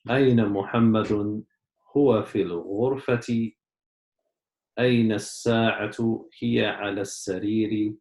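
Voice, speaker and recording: Slow gravelly man teaching Arabic. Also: on the low side, a little mellow, echoey room. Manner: slow, patient, explains in English and Arabic. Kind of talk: online language lesson.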